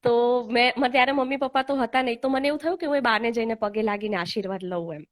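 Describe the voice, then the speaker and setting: A woman's voice: a little high, quick pace. A young adult woman hosting a casual online live chat, telling a personal story in an earnest, heartfelt way with many hesitant fillers. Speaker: host. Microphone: online live call.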